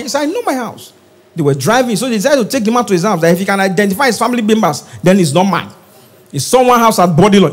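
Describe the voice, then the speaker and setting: A Nigerian man doing a stand-up routine in a high voice that leaps up and down. He is lively and animated and breaks into shouts for his punchlines. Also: slightly rough. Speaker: stand-up comedian.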